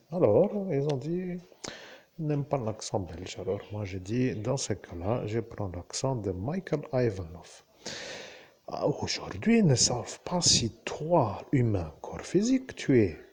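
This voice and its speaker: A man with a Lorraine French accent, talking to his viewers in a slow, wandering monologue and often turning to address the listener directly. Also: mid-range voice, warm tone, breathy edge. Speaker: vlogger. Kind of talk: rambling monologue to camera.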